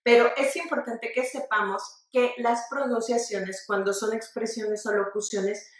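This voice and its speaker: A woman's voice: fairly high pitch, measured pace, very echoey, recorded from a distance. A woman with a Mexican accent teaching a spelling lesson, talking straight to viewers and asking them to repeat examples aloud. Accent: Mexican Spanish. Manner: lively, addresses viewers directly, asks them to repeat aloud. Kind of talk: online grammar lesson. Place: studio set with floor manager.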